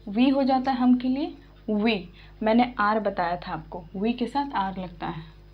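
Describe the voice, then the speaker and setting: A woman teaching an English lesson, explaining slowly and patiently and often checking that her students follow. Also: mid-range voice, faint music behind. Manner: patient, repeats and checks understanding. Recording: dull lo-fi sound.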